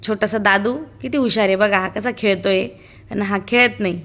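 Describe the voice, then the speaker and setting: A woman's voice: mid-range voice, fairly even intonation, moderate pace, fairly bright tone. A woman giving a chatty, amused running commentary as a casual vlog voice-over, narrating as the child's aunt.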